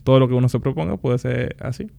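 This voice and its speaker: A young man, a podcast guest, telling his story in a relaxed, animated and joking way. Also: medium pitch, fast talker, gravelly. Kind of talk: casual interview conversation.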